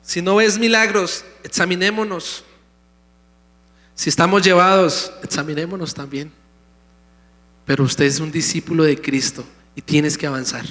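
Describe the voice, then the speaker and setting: A man's voice: on the high side, fairly even intonation, moderate pace, pauses often, fairly bright tone. A pastor preaching a sermon, emphatic, calling out to his congregation in a church sanctuary. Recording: long hall reverb.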